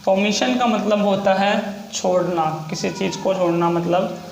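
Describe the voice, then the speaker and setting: A man's voice: high-pitched, fairly even intonation, creaky. Male tutor, repetitive and patient in delivery; echoey room, faint hiss behind. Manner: repetitive, spells words out slowly for learners. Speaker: shorthand teacher. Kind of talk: classroom lesson.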